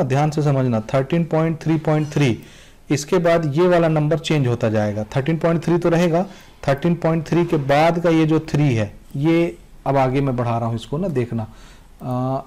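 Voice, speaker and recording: A man's voice: fairly high pitch, normal speed, dark tone. A young man with a Chhattisgarhi Hindi accent teaching students, repeating instructions over and over and urging them to cross out topics. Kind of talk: classroom lesson addressed to students.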